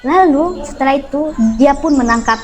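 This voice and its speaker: A woman teacher telling a fable to young pupils in a lively way, talking to them directly. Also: sits high, normal speed. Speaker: primary school teacher. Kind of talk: storytelling lesson for children.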